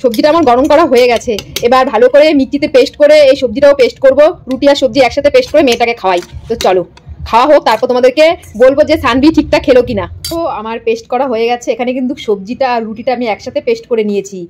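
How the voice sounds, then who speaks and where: In her home kitchen, a young mother walks viewers through each step of making her toddler's dinner in casual cooking vlog narration. She talks rapid-fire, with a voice on the high side and a darkish tone.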